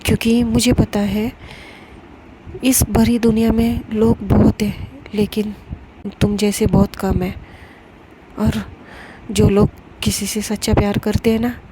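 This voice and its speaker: Mishka is a tender, earnest young woman, as a woman storyteller puts her on in an audio love story. She presses gently but steadily in a narrow, even tone. Hiss and clicks sit under the voice. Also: medium pitch, measured pace, long pauses, lightly acted. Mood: insistent. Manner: earnest, pleading, gently insistent. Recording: noisy recording with clicks.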